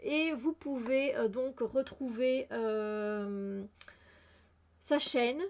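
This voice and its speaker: Belgian woman, slightly high voice, casual hesitant book-haul chat, lo-fi sound. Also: drawn-out words, darkish tone. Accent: Belgian French. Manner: hesitant, many fillers and restarts. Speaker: book vlogger.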